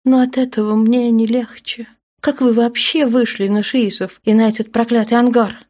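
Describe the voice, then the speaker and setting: A woman's voice: level tone, normal speed, dark tone, close to an everyday voice. A woman playing a stern, fiery young commander. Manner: higher, sharper, clipped and scolding. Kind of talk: audiobook character voicing.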